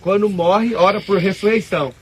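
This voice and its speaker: A man with a Brazilian Portuguese accent giving a casual spiritual talk to an audience, telling stories in animated, slangy speech. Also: sits high, normal speed, crowd noise. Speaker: spiritual speaker.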